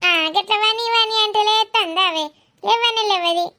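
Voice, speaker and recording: A woman's voice: very high-pitched, normal speed, pushed and bright, exaggerated voice. A woman playing a blunt, scolding older village mother, teasing and mocking in a rustic way. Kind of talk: comedy skit acting.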